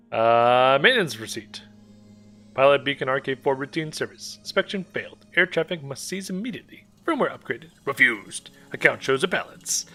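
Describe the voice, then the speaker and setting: Man live-streaming a game, sarcastic asides, bright lively voice, faint music. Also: medium pitch, breathy edge.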